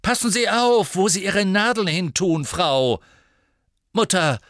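A man playing a spoiled, arrogant teenage boy in a storybook, with a raised, loud, sneering voice. He snarls and taunts with a lively swing, recorded dry and close. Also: sits high, slow pace, no echo, pitched above the performer's own voice, heavily acted. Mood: angry.

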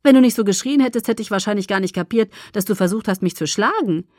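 A woman's voice: mid-range voice, fast, no echo, clean studio sound, natural voice. A woman doing a cocky, pleading young man. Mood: teasing. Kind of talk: audiobook character voice.

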